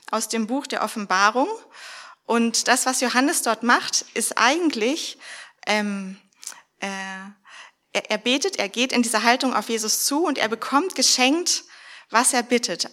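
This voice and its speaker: A woman's voice: on the high side, fairly bright tone. A woman preaching a sermon to her congregation, reading Bible verses aloud and speaking earnestly and directly to her listeners. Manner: earnest, addresses congregation directly, slows for scripture.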